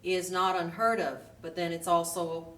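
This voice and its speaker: Brief: fifties woman, parent, earnest and reflective; low voice, picked up from a distance. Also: steady tone, normal speed, fairly bright tone. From Washington State. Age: 50s. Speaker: interviewee, parent. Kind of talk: candid family interview. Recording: roomy, distant mic with faint hiss.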